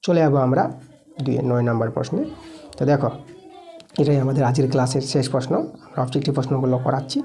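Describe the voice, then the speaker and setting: A woman's voice: extremely low pitch, fairly even intonation, fast, long pauses, warm tone. A woman teacher giving an exam-prep lesson, repeating key terms and answering her own questions as she goes. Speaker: school science teacher.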